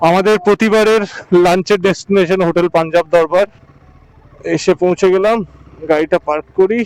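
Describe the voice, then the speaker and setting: High-voiced man vlogging from his motorbike. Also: steady tone, fairly quick, darkish tone, clear, resonant tone, poor audio. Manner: chatty, repeats short instructions to his pillion. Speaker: motovlogger. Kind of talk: casual vlog narration while riding. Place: outdoors on a motorbike on the highway.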